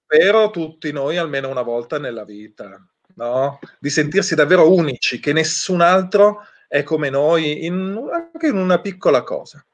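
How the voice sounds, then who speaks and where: A man, a children's author, reading his own story aloud and chatting playfully, with animated storytelling and chatty asides. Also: on the high side, normal speed. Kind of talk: book reading with casual chat.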